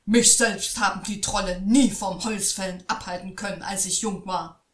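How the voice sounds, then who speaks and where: Woman voicing a loud, scolding father. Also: medium pitch, normal speed, natural voice. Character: gruff scolding father of three sons. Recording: echoey room.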